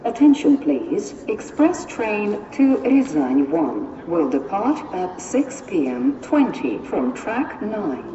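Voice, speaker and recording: A woman's voice: mid-range voice, big pitch swings, slow pace, few pauses, crowd noise. Female station announcer for airport-style PA calls: formal, clipped phrasing, swinging intonation, heavy echo. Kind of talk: public-address train announcement, like an airport announcement. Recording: dull, distant, echoing, noisy station loudspeaker.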